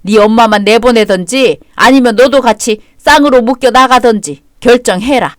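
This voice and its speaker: An actor playing a gruff bossy father-in-law. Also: mid-range voice, moderate pace, no echo, studio quality, close to an everyday voice. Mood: scolding. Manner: gruff, commanding, scolding. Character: blunt domineering father-in-law, older man.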